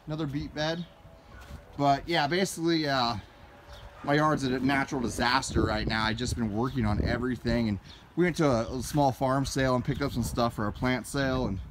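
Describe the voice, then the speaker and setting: A man casually vlogging as he walks through his greenhouse and yard, upbeat and rambling, filmed on a handheld phone. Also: fairly high pitch. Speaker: gardening vlogger. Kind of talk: casual walk-and-talk vlog. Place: backyard greenhouse and yard, outdoors. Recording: noisy outdoor phone recording. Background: outdoor ambience, passing train.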